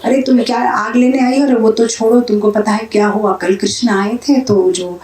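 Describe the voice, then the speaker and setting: A woman voicing an excited village woman who gossips eagerly with a neighbour, in a roomy hall. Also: a little high, moderate pace, natural voice. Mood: gossipy. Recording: roomy hall sound from a distance.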